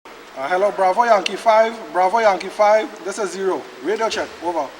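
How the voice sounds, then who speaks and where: A man's voice: high voice, normal speed. A military radio operator, a man, making a radio check in clipped radio-procedure phrasing, heard over a two-way radio with static clicks. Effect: two-way radio transmission with static clicks. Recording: distant radio call, reverberant, faint hiss and clicks.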